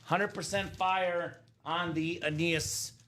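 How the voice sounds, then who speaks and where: A man in his thirties hosting a live card break, chatty and energetic, calling out names and teams. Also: fairly high pitch, slow pace, heavy background noise. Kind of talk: live stream commentary.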